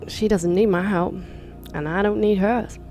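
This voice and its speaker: Woman as a sassy young space adventurer, cocky, quick comebacks. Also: mid-range voice, steady tone, a little mellow, soft background music, lightly acted.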